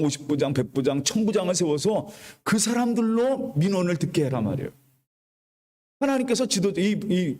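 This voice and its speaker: A male pastor delivers a sermon in a somewhat high voice. He tells the story in a chatty, everyday way and has the congregation repeat his words. The sound carries a long church-hall reverb. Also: a little mellow. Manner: preaching with call-and-response to the congregation; retells the story in colloquial storytelling tone. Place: church sanctuary.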